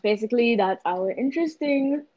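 A woman's voice: on the high side, expressive, normal speed, a little mellow, muffled recording. A young Zimbabwean woman co-hosting a podcast in casual, rambling chat with lots of fillers. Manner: laid-back, rambling with many fillers. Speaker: podcast co-host.

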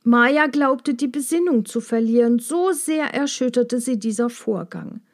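Slow, expressive woman storyteller. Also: on the high side. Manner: slow, expressive read-aloud. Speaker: audiobook reader. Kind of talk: storybook narration.

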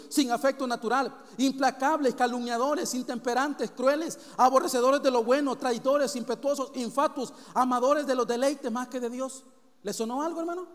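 A man preaching a sermon as pastor, reading long scripture lists and questioning the congregation directly. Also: very high voice. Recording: long hall reverb.

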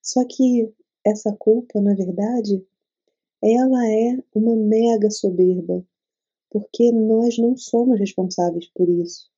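A Brazilian woman leading a spiritual talk and guided meditation, speaking in an unhurried, soothing way with pauses between short phrases. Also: mid-range voice, fairly even intonation, dark tone, breathy edge, highs cut off.

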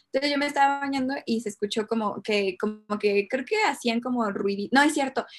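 A woman's voice: on the high side, a little fast. A young woman with a Mexican Spanish accent telling a personal story in casual chat, hesitant, with many fillers and nervous laughs.

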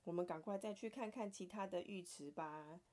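Her voice sits fairly low and moves at a moderate pace as this Taiwanese Mandarin-accented mother reads a picture book aloud to her child. She keeps it animated and playful, with occasional hushed whispers.

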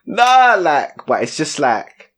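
A man's voice: fairly high pitch, very animated, takes it slowly, a bit bright, slight background noise. A young man with a London accent telling a story in casual chat, heavy on street slang and tag questions. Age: young adult.

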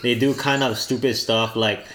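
An echoey room surrounds this man's medium-pitched voice. He has a local Hawaiian accent and talks in a loose, colloquial way peppered with Pidgin slang. It is casual podcast co-host chat. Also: steady tone, normal speed, noisy background. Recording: roomy echo.

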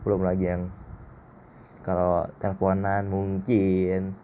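A man's voice: low voice, monotone, slow, mellow, highs cut off, slight background noise. A man hosting a casual solo podcast, blunt, slangy and self-mocking. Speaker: podcast host.

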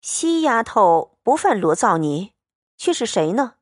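A woman reading the part of a proud, sharp-tongued young noblewoman who speaks with biting sarcasm in a storybook reading. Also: fairly high pitch, very animated, measured pace, no room sound, studio quality. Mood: cutting.

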